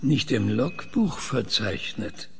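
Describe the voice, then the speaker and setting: In a science fiction audio drama, a man plays a methodical researcher who probes with measured, clinical questions. His voice is medium-pitched and expressive.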